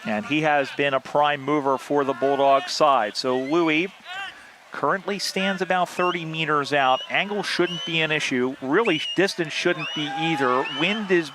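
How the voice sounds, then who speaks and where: Male play-by-play caller, slightly high voice, chatty asides, noisy outdoor field. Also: unhurried. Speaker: play-by-play commentator. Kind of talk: live sports commentary. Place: outdoors beside a sports field. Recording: outdoor field with loud background noise.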